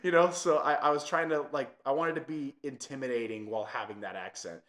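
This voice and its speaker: A man's voice: mid-range voice, a little fast, a bit bright. Young guy hosting a podcast, laid back chatty, um and like everywhere. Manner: chatty, many fillers. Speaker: podcast host. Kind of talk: casual chat.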